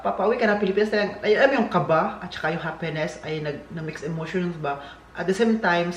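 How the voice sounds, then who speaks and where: With a high-pitched, fairly bright voice and a Filipino accent, this man from the Philippines vlogs in a casual, joking way full of rambling asides. The room echoes and there is a faint hiss in the background.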